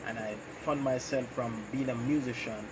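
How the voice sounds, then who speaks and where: A Jamaican man who runs his own channel answers interview questions about his life casually and without hurry. His medium-pitched voice pauses often, padded with ums and you-knows, over a steady hiss of background noise.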